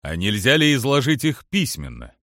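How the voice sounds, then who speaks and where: A man's voice: mid-range voice, huge pitch swings, moderate pace, creaky, fairly bright tone, no echo, full character voice. A man reading the lines of a seasoned alien male general in an audiobook, dry and guarded in tone. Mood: wry, guarded.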